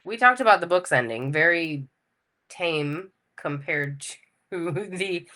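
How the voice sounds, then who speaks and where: Woman, low bright voice, very animated pitch, teasing, quick comebacks. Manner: teasing, quick retorts, laughs often. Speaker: podcast co-host. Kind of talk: casual chat.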